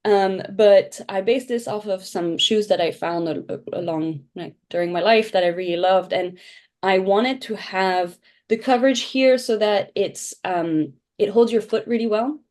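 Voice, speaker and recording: A woman's voice: medium pitch, unhurried, a little mellow. A woman who grew up in Belgium, a brand founder and podcast guest, explaining her product in a chatty way with many restarts. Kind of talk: casual podcast interview.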